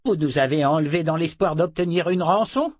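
Bloke playing a cranky old geezer who lost his memory, snippy and sarcastic, pitched up a bit. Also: fairly quick, dry recording, studio quality, close to an everyday voice. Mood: testy. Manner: testy, sarcastic. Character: prickly amnesiac old man, sharp-tongued. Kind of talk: audiobook character voice.

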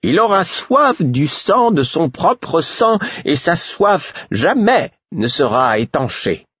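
A man voicing an old woman seer, smug and serene, chanting prophecies in a high sing-song. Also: big pitch swings, slow, a bit bright, breathy edge, dry recording, studio quality, full character voice. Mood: prophetic.

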